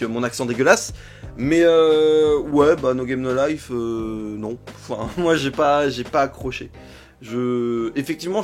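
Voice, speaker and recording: A young man hosting a casual talk, reading out viewer comments and rambling with many fillers and restarts. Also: a little high. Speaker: manga video host.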